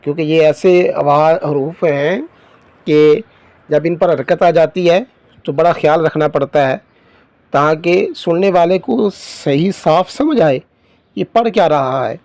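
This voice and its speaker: A man teaching Quran reading. He drills syllables in a slow chant, then explains quickly in a lower voice. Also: a little mellow, no room sound.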